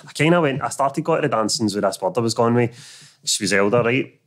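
A podcast guest with a Glasgow-area Scottish street accent tells stories in casual chat, blunt, slangy and sweary, dropping "mate" and "know what I mean" throughout. His mid-range voice has lively intonation and a fairly quick pace. He's recorded in a small indoor podcast studio on a close stand-mounted microphone.

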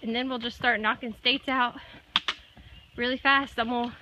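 A woman's voice: a little high, little pitch movement, moderate pace, background noise. Chatty young woman hiking outdoors. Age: young adult. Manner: chatty, loose with fillers like "like" and "so". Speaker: thru-hiker vlogger. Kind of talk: casual trail vlog. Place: forest trail outdoors. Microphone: handheld camera at arm's length.

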